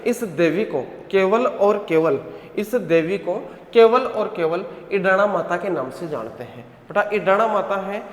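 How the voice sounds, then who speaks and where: A male teacher with a high-pitched, expressive voice gives an online coaching lecture at an unhurried pace. He drills his students with repeated questions and answers and calls them "beta." The audio has an echoey hall sound.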